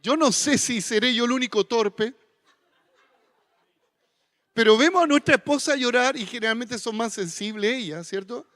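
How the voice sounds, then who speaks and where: High-voiced Chilean pastor preaching. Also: male voice, moderate pace, pauses often. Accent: Chilean Spanish. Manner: folksy, humorous then softly earnest. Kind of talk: sermon. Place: church sanctuary. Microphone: stage microphone with monitor. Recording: long church reverb.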